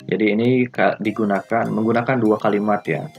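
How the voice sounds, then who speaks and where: Indonesian guy teaching english, lowish voice, says phrases twice slow, faint music behind. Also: fairly even intonation, darkish tone. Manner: switches languages, models phrases slowly and repeats them. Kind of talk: recorded classroom lesson.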